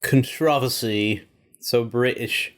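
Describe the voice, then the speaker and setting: Man, casual reaction commentary, chatty, hesitant ums, amused, mid-pitched voice. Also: slow, fairly bright tone, soft background music. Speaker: reaction video host.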